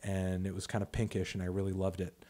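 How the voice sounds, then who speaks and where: This music critic in his thirties answers viewer questions on a casual livestream, rambling with fillers, restarts and cursing. His voice is deep and dark, delivered fast and in a monotone.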